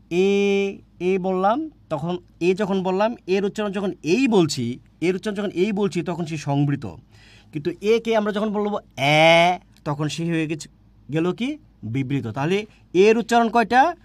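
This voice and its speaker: In a dry recording, a high-pitched man teaches grammar online. His style is repetitive, and he keeps asking questions only to answer them himself.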